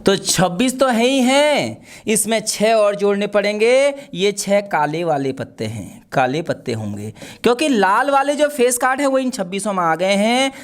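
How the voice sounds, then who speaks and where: A man with a fairly high voice teaches math in a playful, animated way. He talks straight to his students and repeats the key points for emphasis. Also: normal speed. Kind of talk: exam-prep video lesson.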